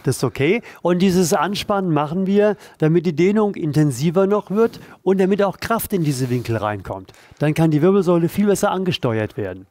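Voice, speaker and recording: A man's voice: fairly high pitch, expressive, a little fast, hardly any pauses, darkish tone, no room sound. Encouraging man coaching a stretch. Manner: direct, encouraging, addresses viewer informally. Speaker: pain therapist leading exercises. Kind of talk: instructional exercise demonstration.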